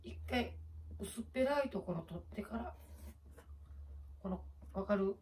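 A woman's voice: medium pitch, lively intonation, a little slow, darkish tone, slight background noise. A middle-aged woman with a Kansai accent chatting casually late at night. She rambles through stories, mocks herself and talks while doing a face pack. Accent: Kansai Japanese. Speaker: YouTuber.

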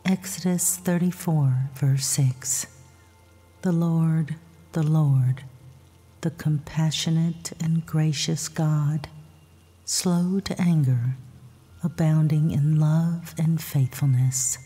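A woman leads a scripted sleep meditation that includes Bible readings, her low voice soft, breathy, and husky with a fairly even intonation. She speaks slowly in a soothing, measured hush, with long reverb and gentle music in the background.

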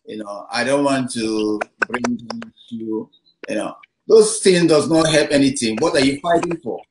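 A man's voice: medium pitch, measured pace. Male talk show host on a video call, echoey room, noisy webcam line, fillers throughout. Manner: warm affirming, frequent "you know". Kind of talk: casual interview over video call. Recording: roomy webcam audio with background noise.

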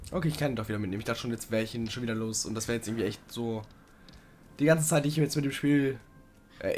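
A young man doing casual let's play commentary, chatting to the game creature and sometimes swearing loudly. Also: mid-range voice, a little hiss or hum.

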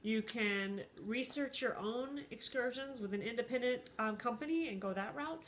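A woman's voice: fairly high pitch, moderate pace, slight background noise. A woman in her thirties hosting a casual travel vlog at home, talking in a friendly, easygoing way with frequent fillers. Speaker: cruise vlog host. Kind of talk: casual chat. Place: living room at home.

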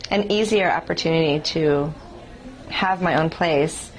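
A young woman, a salon suite owner, giving a relaxed, thoughtful testimonial with pauses in a small salon. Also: deep voice, poor audio. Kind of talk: testimonial interview.

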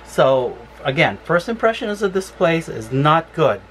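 A woman's voice: deep voice, big pitch swings, unhurried, a little hiss or hum. A woman travel vlogger ranting angrily and swearing about her RV campsite. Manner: furious, profane complaining. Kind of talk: angry vlog rant.

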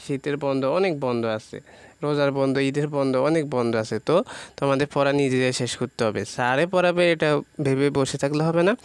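A man teaching students, walking through an exam syllabus topic by topic in an informal way, with frequent pauses and fillers. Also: a little high, clean tone, no room sound. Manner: talks directly to students, lists topics one by one with many pauses and fillers. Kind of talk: informal syllabus walkthrough lesson.

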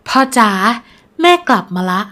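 A woman voicing a cruel, scheming middle-aged stepmother who speaks coldly and harshly, sometimes shouting. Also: fast, lightly acted. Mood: falsely cheerful.

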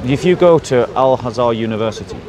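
A native English-speaking street debater argues in a public debate in a park, pressing his points and steering the exchange forward. His mid-range voice is brisk with lively intonation, and crowd noise surrounds him outdoors.

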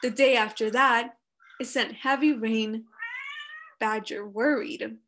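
A woman reading a children's book slowly. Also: on the high side, a little hiss or hum. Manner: measured, expressive storytelling. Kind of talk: reading a picture book aloud.

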